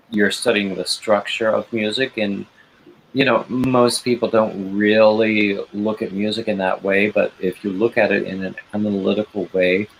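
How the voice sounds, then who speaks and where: Livestream host: man, fairly low pitch, informal conversation, slightly noisy recording. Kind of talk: casual chat. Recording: steady noticeable background noise.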